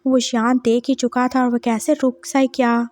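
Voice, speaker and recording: Woman storyteller, casual chatty fan fiction narration, high voice, dry close recording. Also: flat delivery, normal speed, darkish tone, no room sound. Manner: casual, chatty retelling with asides.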